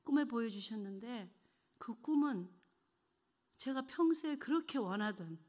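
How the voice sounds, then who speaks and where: A middle-aged woman giving an emotional church testimony, earnest, moving between hushed and fervent delivery. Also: on the high side, lively intonation, a little slow.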